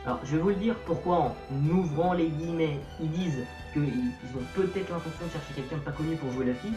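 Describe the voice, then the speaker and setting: A man's voice: on the high side, fairly quick, echoey room, music in the background. A young man in his late teens talking casually to camera, chatty and playfully self-mocking. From Portuguese-Brazilian family background. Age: young adult. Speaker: youtuber.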